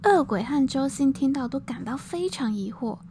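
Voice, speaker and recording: A woman storyteller narrating a folk tale in a lively, animated way. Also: high voice, moderate pace, noisy background.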